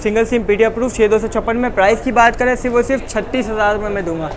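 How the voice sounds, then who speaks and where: A high-voiced man with a Pakistani accent delivers a rapid, insistent teleshopping-style sales pitch. He repeats prices and stock phrases as he lists phones. Busy street noise and chatter surround him. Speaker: phone seller.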